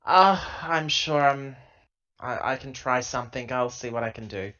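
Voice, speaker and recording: A man plays a tabletop roleplaying game, improvising casually and rambling as he thinks aloud. His voice is medium-pitched at a normal speed, captured on a lo-fi laptop recording.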